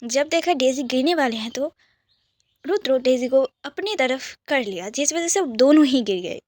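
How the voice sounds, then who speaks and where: Soft whispering woman storyteller. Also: high-pitched, expressive, moderate pace, no echo, studio quality.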